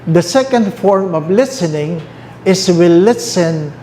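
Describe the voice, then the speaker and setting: Slow, mellow Filipino priest preaching. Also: male voice, high voice, animated. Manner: mixes English and Tagalog, asks the listeners questions; repeats key phrases slowly. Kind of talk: sermon. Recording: roomy echo, faint background noise.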